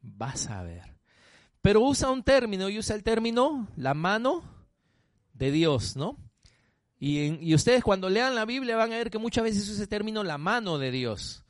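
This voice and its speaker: A man's voice: sits high, expressive, normal speed, no room sound, clean studio sound. A male pastor preaching a sermon, emphatic, often asking the congregation questions.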